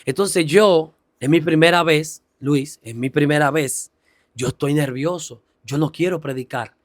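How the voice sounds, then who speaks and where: A man's voice: fairly high pitch, measured pace, no room sound, clean studio sound. A man giving a personal faith testimony, earnest and rising into a preacher-like emphasis.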